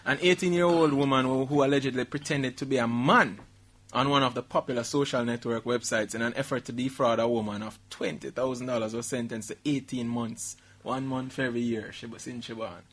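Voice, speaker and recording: A man's voice: medium pitch, steady tone, brisk, a bit bright. A middle-aged Jamaican man hosting a talk show, reading news items and riffing on them with Patois asides. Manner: reads headlines then riffs with laughter, Jamaican Patois asides. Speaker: radio show host reading news stories. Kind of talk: casual comedic news banter.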